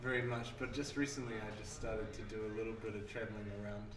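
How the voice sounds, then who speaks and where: A man's voice: lowish voice, reverberant, far from the mic, poor audio. A young man with a New Zealand accent, a writer guesting on a radio interview, talking casually with many restarts. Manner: halting, restarts often, relaxed.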